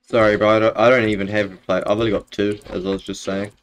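A young man with a broad Kiwi accent and a lowish voice chats to viewers while he plays. He is laid-back and matey, calling people bro. There is clear noise behind him in the room. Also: level tone, quick pace. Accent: broad New Zealand. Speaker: game streamer. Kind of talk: casual live-stream chat while gaming. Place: bedroom, indoors.

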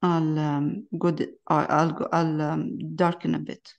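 A woman giving a casual painting demonstration, talking softly and haltingly as she works. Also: low voice, little pitch movement, creaky, highs cut off. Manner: soft-spoken, halting, talks to herself while painting. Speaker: painting instructor.

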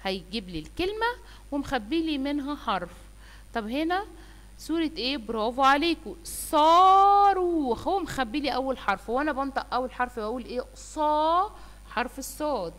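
A woman teacher with an Egyptian Arabic accent, slowly sounding out letters and words for young children and praising them often. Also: sits high, animated, fairly bright tone, big-room sound. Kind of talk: online phonics lesson for young children.

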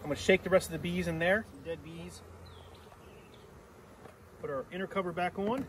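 A middle-aged man walks through a hive inspection out in a yard, explaining each step plainly as he works. His voice sits a little high for a man and comes from a few steps off the camera mic. A faint outdoor hum runs under him. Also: moderate pace. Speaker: beekeeper. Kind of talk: hands-on teaching demonstration. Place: outdoor apiary on a grassy yard. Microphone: camera mic a few steps away. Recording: distant outdoor camera audio.

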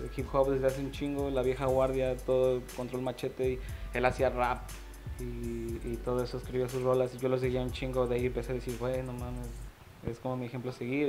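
A young man talks casually as a rapper guest, stretching his fillers and using plenty of slang. His delivery stays flat and low-key, with faint music in the background. He speaks into a handheld mic in a small studio. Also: moderate pace. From Mexico. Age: 20s. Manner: laid-back slangy talk, drawled fillers. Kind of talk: casual interview.

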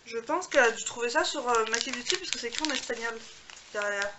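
A woman beauty vlogger chatting casually to camera as she unwraps gifts, gushing and filling pauses as she goes. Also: a little high, expressive, heavy background noise. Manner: gushing, chatty, filler-heavy. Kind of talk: casual unboxing chat to camera.

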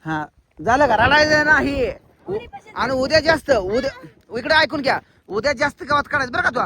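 A man's voice: very high voice, sing-song, moderate pace, pushed and bright. A man, vlogging a children's contest and repeating instructions to them in a coaxing way. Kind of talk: casual outdoor vlog commentary.

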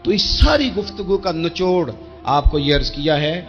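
A man's voice: a little high, expressive, a bit bright. A male preacher delivering an impassioned sermon, repeating phrases for emphasis and reciting verse. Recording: dull recording with faint music.

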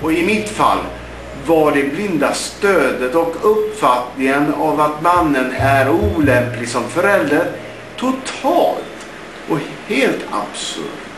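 A middle-aged man speaks earnestly into a close webcam, his voice sitting a little high for a man. His delivery is deliberate and indignant. The room sounds echoey, with music playing clearly behind him. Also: lively intonation. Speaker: blogger. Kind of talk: opinion monologue to camera. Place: small indoor room. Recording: roomy echo with background music. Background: background music.

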